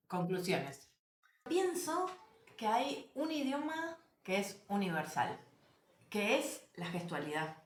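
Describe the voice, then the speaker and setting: A woman, telling travel stories to camera as a vlogger, animated and emphatic, repeating phrases and addressing viewers directly. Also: medium pitch. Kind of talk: casual storytelling to camera. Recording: roomy echo.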